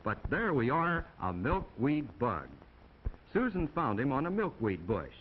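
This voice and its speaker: An American man narrates a 1950s classroom film from a script at a measured pace. His mid-pitched voice is very animated, rising and falling as he explains things to young viewers in a folksy, chatty manner. The 1950 optical soundtrack is dull and muffled, with faint noise underneath.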